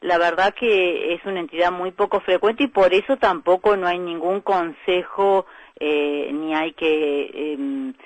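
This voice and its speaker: A woman doctor with an Argentine accent, calmly explaining medical points as a guest in a radio interview, with frequent hesitation fillers. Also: on the low side, unhurried, no echo, rough recording. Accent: Argentine Spanish. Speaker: breast specialist doctor, guest.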